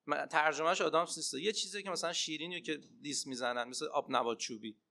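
Guy preaching a sermon, kinda high bright sharp voice, gets loud then goes quiet. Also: creaky. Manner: impassioned, swinging between loud emphatic cries and hushed asides. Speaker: preacher and Arabic teacher. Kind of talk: religious sermon with storytelling.

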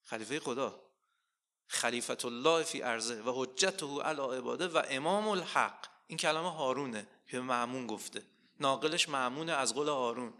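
A man preaching a sermon, asking rhetorical questions and slowly quoting scripture with rising emphasis. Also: mid-range voice, bright, forceful tone.

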